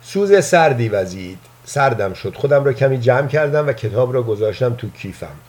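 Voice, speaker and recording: A man narrating a first-person story in a calm, measured reading voice. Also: medium pitch.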